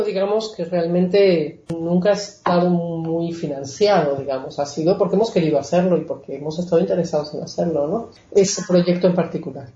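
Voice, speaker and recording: A woman's voice: fairly low pitch, mellow, reverberant, dull audio. A woman from Mexico, a genetics researcher, explaining her work in a conversational interview with frequent fillers. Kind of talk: interview answers.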